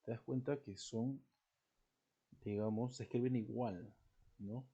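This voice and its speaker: Husky-voiced man teaching a grammar lesson. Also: medium pitch, steady tone, takes it slowly, warm tone, dull audio. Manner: explanatory, checks in with rhetorical questions. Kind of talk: recorded language lesson.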